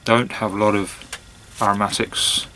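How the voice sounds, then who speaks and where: A man chatting casually on his own in a hesitant, musing way, with long pauses and trailing phrases. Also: on the low side, flat delivery, bright, forceful tone, a little hiss or hum, poor audio. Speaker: pipe-smoking vlogger. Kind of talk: casual monologue to camera.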